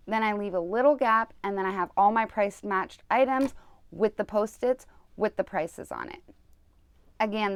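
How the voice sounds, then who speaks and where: A woman's voice: medium pitch, dry recording. A woman vlogger giving casual, conversational how-to tips. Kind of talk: casual how-to vlog chat. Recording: clear background noise.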